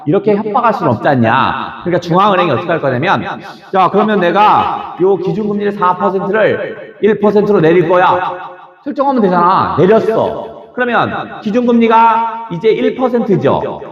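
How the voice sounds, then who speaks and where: A man lecturing exam students, his voice high and swooping up and down as he throws out question after question and chuckles along. The sound is dull and lo-fi. Echo from the room hangs around his words. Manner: lively, fires rhetorical questions, acts out quick dialogues, chuckles often. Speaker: Korean language exam lecturer. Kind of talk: classroom lecture.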